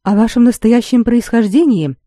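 A reader voicing a foreign male commoner and spy who speaks quietly, carefully and deferentially in an audiobook. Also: medium pitch, moderate pace, no room sound, studio quality, voice pushed up, close to an everyday voice. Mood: guarded. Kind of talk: audiobook character reading.

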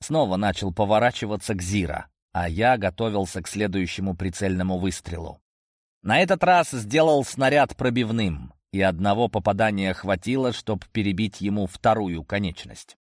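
A man's voice: lowish voice, normal speed, no room sound, clean studio sound. A man narrating a first-person fantasy audiobook in a tense, action-driven way.

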